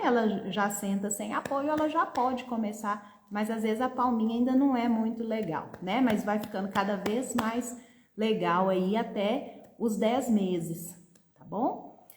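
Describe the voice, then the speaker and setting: Brazilian woman explaining, echoey room. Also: fairly high pitch. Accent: Brazilian Portuguese. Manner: didactic, frequent "né?" and "tá bom?" check-ins. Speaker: pediatric occupational therapist. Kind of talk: explanatory live-stream talk.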